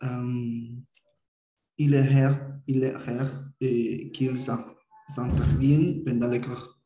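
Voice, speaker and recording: A man who speaks as his reads a French answer slowly and hesitantly, his voice very dark and mellow. He sounds distant, in an echoey room over a call line. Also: medium pitch, level tone. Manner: hesitant, slow learner's French. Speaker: student. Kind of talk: reading an answer in class.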